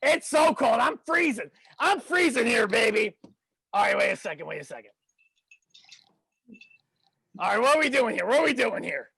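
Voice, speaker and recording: Man putting on gravelly sleazy wrestler. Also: extremely high pitch, expressive, moderate pace, pauses often, sharp tone, heavily acted, poor audio. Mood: rowdy crude. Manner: rowdy, crude, rambling and stammering. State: tipsy from shots. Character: crude drunken sleazy male wrestler persona.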